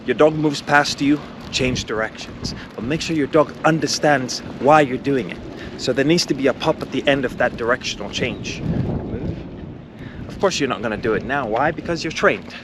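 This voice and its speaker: A man's voice: medium pitch, normal speed, noisy background. A man who trains dogs, talking bluntly and directly to the viewer while walking a dog outside. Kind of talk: outdoor training instruction. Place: outdoors on a street.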